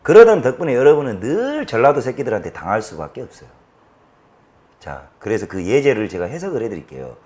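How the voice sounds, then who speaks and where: A man with a Jeolla Korean accent hosting a political commentary show, ranting in a fiery, profane way that swings from shouting to low muttering. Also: sing-song, brisk. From Jeolla, South Korea. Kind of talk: political rant to an audience.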